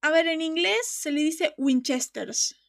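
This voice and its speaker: A woman's voice: high-pitched, normal speed, vocal fry. A woman hosting a casual fan show, talking passionately and emphatically and laughing often. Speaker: podcast host.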